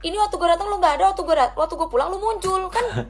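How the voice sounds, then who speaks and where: Fast, indignant young woman ranting. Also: very high-pitched. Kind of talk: casual ranting story.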